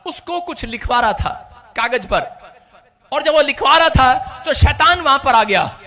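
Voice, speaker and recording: Male preacher, very high and bright, animated sermon, shouts then hushes. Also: measured pace. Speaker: pastor.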